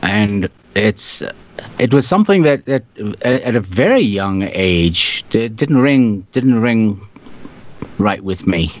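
A man in his sixties from Africa, telling his life story as an interview guest in a reflective, halting way. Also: on the low side, lively intonation. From South Africa. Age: 60s. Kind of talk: casual storytelling. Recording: dull lo-fi sound.

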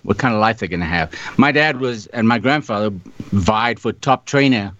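A man in his sixties from Africa, telling his life story as an interview guest in a reflective, halting way. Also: lowish voice, a bit bright, slight background noise. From South Africa. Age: 60s. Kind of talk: casual storytelling. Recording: dull lo-fi sound.

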